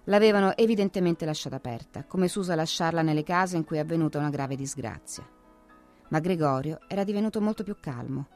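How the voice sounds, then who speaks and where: A woman with a low-pitched voice narrates a classic novel. Her reading is steady and expressive, and faint music plays behind her. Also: brisk. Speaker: audiobook narrator.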